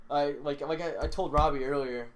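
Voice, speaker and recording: Young man rambling through swear-heavy stories. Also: fairly high pitch. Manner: rambling, swears a lot, laughs while telling stories. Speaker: podcast host. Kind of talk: casual chat.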